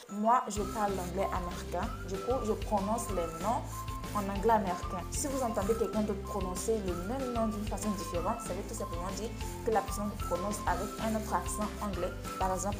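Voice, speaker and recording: A woman, teaching names as an English coach in a video lesson, with a playful, teasing manner. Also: mid-range voice. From Côte d'Ivoire.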